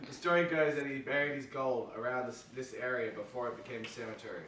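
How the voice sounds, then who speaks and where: A man's voice: mid-range voice, fast, a bit bright, far from the mic, lightly acted. A man playing a casual, slangy guy telling a spooky tale to friends at an amateur script table read. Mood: storytelling. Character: casual male storyteller spinning a spooky cemetery tale to friends. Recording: roomy, off-mic, faint noise.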